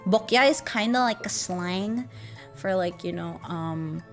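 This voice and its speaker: A woman's voice: on the low side, unhurried, soft background music. A young woman with a Filipino accent, casually teaching a language lesson on a livestream, giggling and rambling with lots of fillers. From Philippines.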